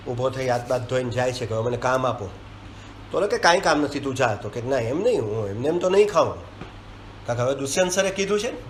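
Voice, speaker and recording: A man reviewing a film, retelling its scenes in casual talk and acting out the lines. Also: mid-range voice. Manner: animated storytelling, acting out dialogue lines. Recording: echoey room with faint ambient hiss.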